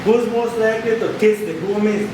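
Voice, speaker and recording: Male co-host with a high voice for casual podcast banter, recorded distantly in a very echoey room. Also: fairly quick. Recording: echoey room, distant mic, noisy background.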